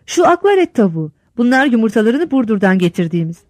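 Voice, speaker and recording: A woman's voice: a little high, quick pace, no echo. A woman voicing an eager, talkative village instructor. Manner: excited, shouting to his wife.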